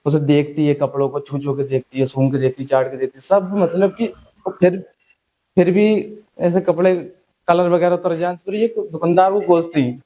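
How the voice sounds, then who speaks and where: A man's voice: on the high side, steady tone, normal speed, mellow, low-quality recording. A young man doing a stand-up comedy set, chatty and teasing the crowd, acting out the people he quotes.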